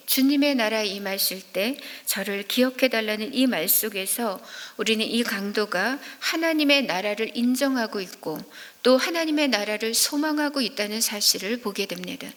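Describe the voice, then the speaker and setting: A woman evangelist giving a sermon at a midweek prayer service, speaking in an earnest, measured preaching manner. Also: on the high side, a bit bright. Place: church sanctuary. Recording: long reverb of a church hall.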